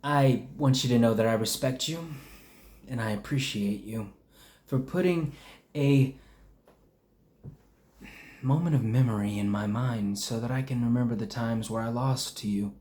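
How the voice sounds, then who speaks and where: A man delivering a wrestling promo as a wrestler, with menacing, deliberate trash talk. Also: mid-range voice, a little mellow.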